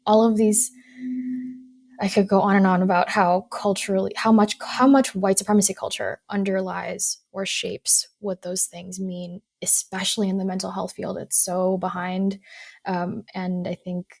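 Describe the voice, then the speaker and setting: Woman, guest counselor; measured, reflective delivery with a touch of fry, dry audio. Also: mid-range voice, level tone, a little mellow, dry recording. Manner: thoughtful, measured, pauses to qualify points. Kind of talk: casual podcast conversation.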